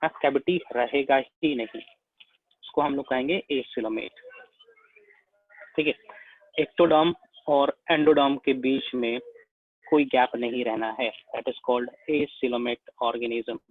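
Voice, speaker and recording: A man's voice: mid-range voice, steady tone, no echo. A man with an Indian accent giving a biology lecture, explaining step by step and checking in again and again with his students. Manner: slow, repetitive, checks in with "है ना?" again and again. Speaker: biology teacher. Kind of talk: classroom lecture at a whiteboard. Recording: tinny phone-like sound, dry.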